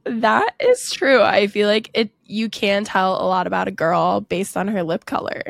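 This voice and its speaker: A woman's voice: mid-range voice, expressive, normal speed, creaky, no room sound, clean studio sound. A woman co-hosting a casual podcast with a sick, congested, scratchy voice, as if talking with her nose pinched. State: stuffed up from being sick. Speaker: podcast co-host. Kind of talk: casual chat.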